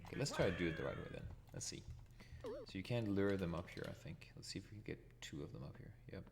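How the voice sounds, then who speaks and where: A Danish man from Denmark, speaking with a Danish accent, hosts a retro gaming channel, commenting live and thinking aloud as he plays. His voice is low and gravelly, quick, with big pitch swings, heard over music. He chuckles at his own deaths.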